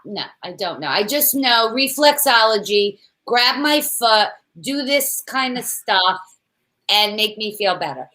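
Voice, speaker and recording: A woman's voice: medium pitch, expressive, sharp tone. A woman co-hosting a casual chat about products, playful and teasing, fond of made-up words. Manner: playful, unhurried, laughs at her own made-up words. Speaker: co-host.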